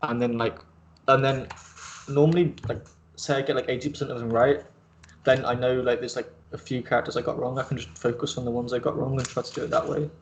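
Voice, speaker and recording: A young adult man hosting a casual chat, talking in a relaxed, rambling way with plenty of filler words. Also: medium pitch, fast, slight background noise. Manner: relaxed, rambling, heavy use of 'like'. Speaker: host.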